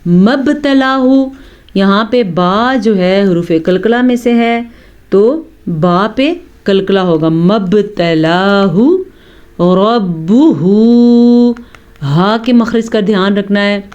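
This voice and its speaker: A woman teaches tajweed in a smooth, clear voice of middle pitch. She explains each rule patiently and then chants the verses slowly, drawing out the vowels. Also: a little mellow, muffled recording. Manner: explains rules slowly, then recites verses drawn out and melodic. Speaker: Quran recitation teacher. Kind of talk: tajweed lesson.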